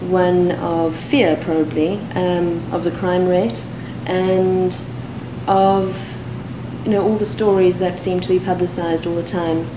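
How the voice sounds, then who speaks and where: A woman with a Cape Town South African accent reads a set passage for a dialect archive, then talks in a measured, thoughtful manner with the occasional um. Her pitch is fairly low, and the room is echoey with a steady background hiss.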